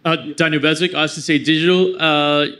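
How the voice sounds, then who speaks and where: A male reporter with a bright voice pitched a little high, held level. He asks his question hesitantly, pausing on uh. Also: steady tone. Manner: hesitant, with uh fillers. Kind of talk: press conference question.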